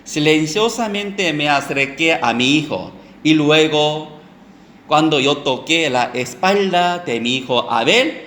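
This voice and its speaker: A man preaching a sermon and telling a story, halting often with fillers and restarted phrases. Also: on the high side, a bit bright. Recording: echoey room with faint background noise.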